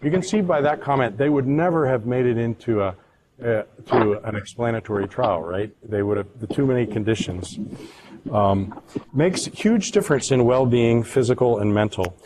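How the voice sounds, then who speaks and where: A man presents research results in a lecture room, at an ordinary middle pitch. He hesitates often, filling pauses with ums and restarting phrases. A faint background noise sits under his voice. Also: expressive. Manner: halting, with many ums and restarts; reads patient quotes aloud, moved at times.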